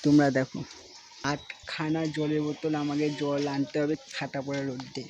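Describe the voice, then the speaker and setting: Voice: medium pitch, level tone, normal speed. A vlogger, talking casually to the camera outdoors and grumbling about the heat. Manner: talks a little softly beside the road. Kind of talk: casual vlog talk to the camera. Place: outdoors around home and street. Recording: noisy outdoor phone audio.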